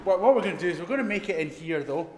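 A man's voice: high voice, animated, rapid-fire, a little mellow. A Scottish man demonstrating how to make a cocktail, talking casually and instructively with jokes. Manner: chatty, instructive, jokey. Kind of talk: live cooking demo chat. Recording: echoey hall, faint noise.

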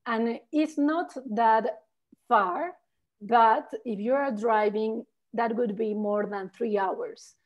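This time her voice sits on the high side and she takes it slowly, over dull audio. A Spanish-speaking Mexican tour guide with a Mexican accent, she answers questions on a virtual tour over a video call, explaining things warmly and often adding "no?" to her sentences.

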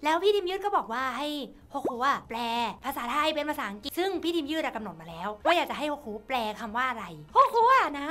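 High, bright giggly woman streamer. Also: very animated, quick pace, few pauses. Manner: giggly and bubbly, laughs often; playful, teasing. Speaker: virtual streamer. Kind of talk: casual chat reading fan lines.

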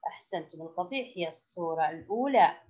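معلمة تشرح لأطفال بصوت تسجيل باهت. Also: female voice, lowish voice, animated, darkish tone. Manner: asks the children questions and praises answers, stretching key words slowly. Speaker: first-grade Arabic teacher. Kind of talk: recorded classroom lesson for young children. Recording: dull lo-fi recording.

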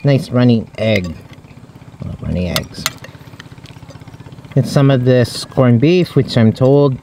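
A man's voice: medium pitch, expressive, takes it slowly, noisy background. A man vlogging casually to camera outdoors at a beachfront table, chatty and playful, thinking aloud as he reviews food. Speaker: travel vlogger.

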